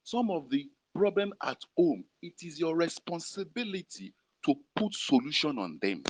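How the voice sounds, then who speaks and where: In a prayer room gathering streamed online, a pastor with a Nigerian Yoruba-influenced accent preaches a sermon, repeating lines for emphasis and leading the men in call-and-response. His voice sits on the high side and sounds sing-song at a normal speed. The recording is rough.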